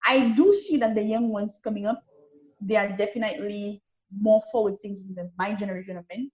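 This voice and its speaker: A woman's voice: medium pitch, a little fast, darkish tone, echoey room, muffled recording. A woman from Lucia, a guest speaking candidly in casual conversation and often laughing. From Saint Lucia.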